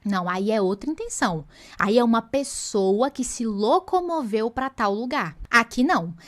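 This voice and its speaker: A woman teaches English pronunciation in a relaxed online lesson. Her voice sits slightly high. She explains patiently, then slows down and stretches out the English example phrases word by word.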